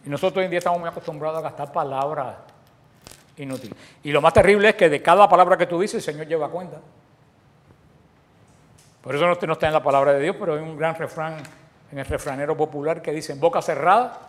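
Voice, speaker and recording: In a quick-paced sermon, a man with a voice on the high side asks his listeners questions and answers them himself. His phrasing often restarts, and his volume swings from loud to soft.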